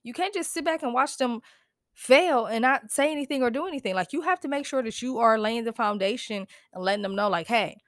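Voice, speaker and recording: A woman's voice: a little high, a little fast, dry recording. A young American woman hosting a solo podcast, talking casually but emphatically, with a stuffy, congested voice and frequent laughs. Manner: emphatic, preachy, laughs often. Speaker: podcast host.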